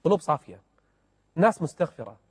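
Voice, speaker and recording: A man preaches through stories on a call-in religious show, fervent and emphatic. His voice sits high and runs fast. The studio sound is dry up close but trails off in a long reverb. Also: sing-song, breathy edge. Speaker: religious TV host, sheikh.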